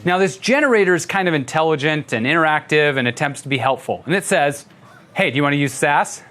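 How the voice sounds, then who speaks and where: A man's voice: fairly high pitch, expressive, quick pace, pushed and bright. An older man teaching web development during a live session, walking through tools with a playful, chuckling manner. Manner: playful, chuckling while demonstrating. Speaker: instructor. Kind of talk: live coding tutorial.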